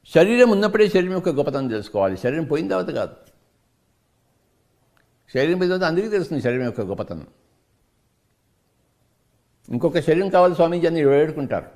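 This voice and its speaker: Animated, fast-talking man giving a spiritual discourse. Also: on the high side. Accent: Telugu. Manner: emphatic, preaching with rhetorical questions. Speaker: meditation teacher.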